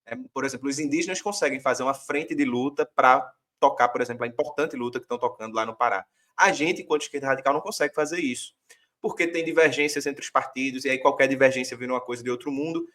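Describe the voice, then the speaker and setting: A man's voice: mid-range voice, quick pace, a bit bright. A man from Brazil arguing a political point as a guest author, reflective and using many fillers. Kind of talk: political discussion.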